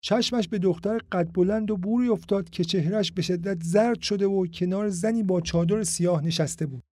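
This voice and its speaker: A man reading a novel aloud as an audiobook narrator, in steady, measured narration. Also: high voice. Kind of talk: storybook narration.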